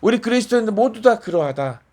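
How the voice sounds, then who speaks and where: A man's voice: sits high, lively intonation, fast talker, darkish tone. Conversational male preacher in a small church. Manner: conversational, asks the congregation questions and answers back. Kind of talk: sermon.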